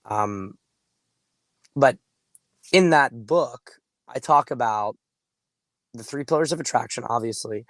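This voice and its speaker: A man hoarse with laryngitis, sounding muffled, gives casual coaching advice in deliberate, emphatic phrases, now and then clearing his throat. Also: mid-range voice, fairly bright tone, no echo. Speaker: dating coach and host. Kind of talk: casual straight-to-camera advice talk.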